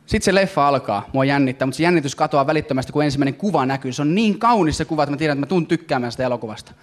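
A man performing a stand-up comedy routine on stage, talking in animated, excitable bursts. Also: on the high side. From Finland. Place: comedy stage before a live audience.

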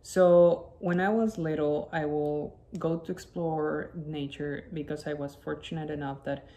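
A young man from Quito, Ecuador, a native Spanish speaker with an Ecuadorian accent, tells his personal story as a presentation; he's a guest and wildlife biologist. His mellow voice sits on the high side with fairly even intonation and an unhurried pace. He's indoors in a living space at home, with a little hiss or hum in the audio.

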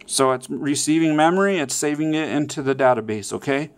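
A tutorial presenter walks through a casual step-by-step how-to, frequently checking in with "okay" and "all right." His voice is a little high and fairly quick.

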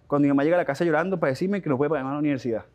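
A young adult man with a Venezuelan accent, a guest telling his life story in an interview, animated and full of restarts and slang. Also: a little high. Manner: animated, fast-talking, with frequent restarts and slang.

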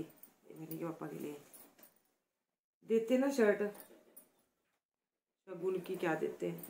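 A woman from Himachal Pradesh talking softly and chattily in a casual vlog, showing gifts and praising them again and again. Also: fairly low pitch, a little hiss or hum. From Himachal Pradesh, India. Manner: chatty and affectionate, repeats words of praise; speaks softly, close to the mic. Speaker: vlogger.

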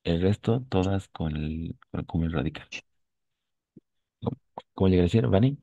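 A man with a very low, gravelly, slightly husky voice gives a language lesson. He talks patiently, repeating and spelling words letter by letter. The sound is dry, with no room echo. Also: lively intonation, moderate pace, warm tone. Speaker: French teacher.

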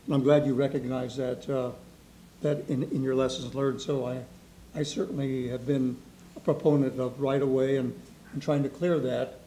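Mellow-voiced man making a deliberate point. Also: mid-range voice, level tone, a little hiss or hum, rough recording. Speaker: board member. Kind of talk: comment at a public meeting. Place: large public meeting hall. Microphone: desk microphone.

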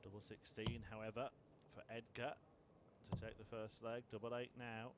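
A man giving measured, understated and informative sports commentary on a darts match. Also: lowish voice, level tone, very noisy.

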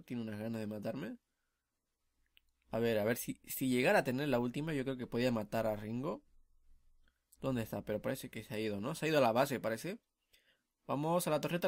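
Young guy narrating his match, chatty and excitable, dry close mic, mid voice. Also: medium pitch, no room sound. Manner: chatty, excitable, many tag questions. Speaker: gamer commentating his match. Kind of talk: casual gameplay commentary.

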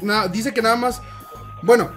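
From a room at home, a young adult man prank-calls while posing as a worried father, polite yet hesitant. He speaks at a normal speed in a high voice, with music playing underneath.

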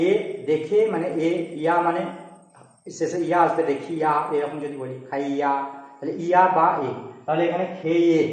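Guy teaching grammar quick, kinda high voice, lots of room echo. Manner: quick, repeats rules and checks with "ঠিক আছে?". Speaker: Sanskrit teacher. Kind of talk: explaining grammar to students. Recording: very echoey room.

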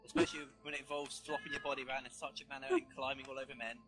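A man's voice: medium pitch, steady tone, rapid-fire, music in the background. A man giving jokey mock sports commentary over a party game. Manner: jokey, playful announcer tone.

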